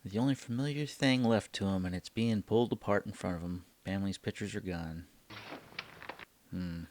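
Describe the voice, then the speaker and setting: This reaction-video host chats informally and answers back to an old TV show whose soundtrack, music and dialogue, plays behind him. He speaks in a lowish, slightly mellow voice at a moderate pace, with a little hiss or hum in the recording.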